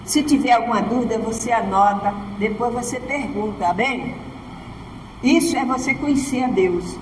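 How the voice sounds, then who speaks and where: A Brazilian woman pastor preaches from the altar in a high, ringing voice. Her words echo through a large church hall with a long tail of reverb. She keeps checking in with her listeners for an "amen" as she speaks. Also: moderate pace, darkish tone, slight background noise. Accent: Brazilian Portuguese. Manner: preaches emphatically, often asking the congregation "Amém?". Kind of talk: sermon.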